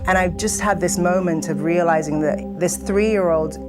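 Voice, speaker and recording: A woman's voice: lowish voice, moderate pace. A woman giving a reflective, thoughtful documentary interview. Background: music.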